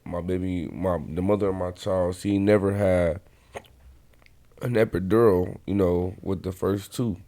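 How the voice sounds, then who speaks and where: A man's voice: sits low, steady tone, measured pace, warm tone. A man with the hiccups, earnestly telling a personal story in casual podcast chat. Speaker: podcast host.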